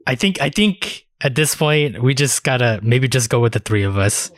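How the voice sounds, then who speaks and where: A podcast co-host with a mid-range voice talks about games at a normal pace, expressive and relaxed as if among friends. He swears freely, and the sound is dry and close with no room tone at all.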